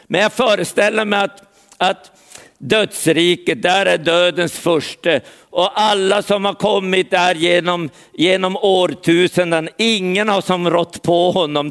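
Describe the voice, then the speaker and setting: Man, preacher, sermon, earnest, talks to listeners by name, slightly high voice. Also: fairly bright tone.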